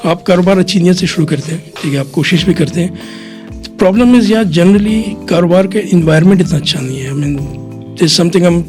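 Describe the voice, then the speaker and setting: Pakistani man explaining, fairly high voice. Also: moderate pace, a little mellow, faint music behind. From Pakistan, Quetta. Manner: mixes English phrases into Urdu, frequent "theek hai". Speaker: guest, chartered accountant. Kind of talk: podcast interview, explaining at length.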